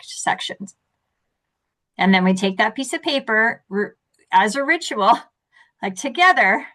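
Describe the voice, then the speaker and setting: A woman speaking as a success coach in an interview, animated and laughing often, acting out the voices she quotes. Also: medium pitch. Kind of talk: interview conversation.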